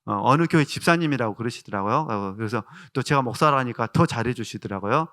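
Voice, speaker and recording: Speaking fast in an expressive mid-range voice, this male pastor has a Jeolla Korean accent. His sermon is warm storytelling punctuated by rhetorical questions to the congregation.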